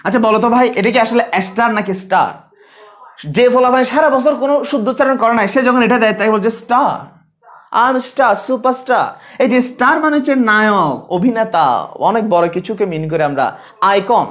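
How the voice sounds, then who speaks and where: A man's voice: high voice, expressive, quick pace, fairly bright tone. A man from Bangladesh teaching a live online biology class, talking casually, asking questions and answering them himself, repeating key points.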